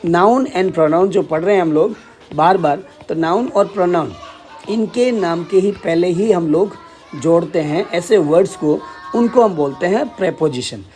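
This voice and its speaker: A man's voice: sits high, measured pace, a little mellow, faint music behind. A man teaching an English grammar lesson in Hindi, explaining step by step and often checking with "ठीक है".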